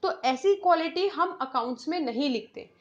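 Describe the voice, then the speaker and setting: A woman's voice: sits high, animated. A woman lectures on accounts, walking through examples and asking and answering her own questions. The recording is dull and lo-fi. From India. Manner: explains step by step, often asks and answers her own questions; mixes in English terms and reads English definitions slowly. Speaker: accounts teacher. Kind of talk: classroom lecture.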